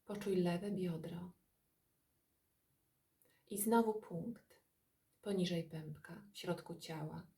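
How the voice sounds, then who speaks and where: A woman leads a guided body-scan meditation for relaxation in a low, gravelly voice. She speaks very slowly in soft, calm phrases separated by long pauses.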